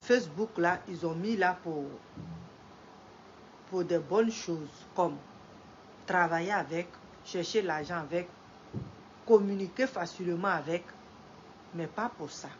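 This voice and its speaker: This live-stream host, a middle-aged woman with a head cold, welcomes viewers and then moralizes slowly, repeating herself and rising to emphasis as she preaches. Her voice sits on the low side, a little slow, with frequent pauses. Dull lo-fi stream sound, faint ambience and slight background noise surround her.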